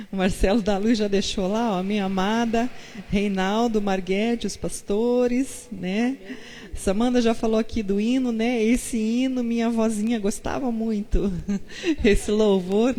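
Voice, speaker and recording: A woman's voice: mid-range voice, mellow. A woman pastor hosting a live-stream chat, greeting viewers and asking her guest questions. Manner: fervent prayer, then chatty greetings to viewers.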